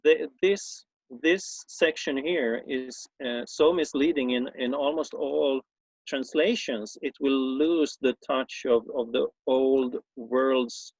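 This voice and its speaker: This man, Swedish by birth and language and formerly a teacher, talks informally to explain a topic, with a Swedish accent. He keeps stopping, restarting and using fillers. His voice is mid-range and steady; the recording is dry and low in quality.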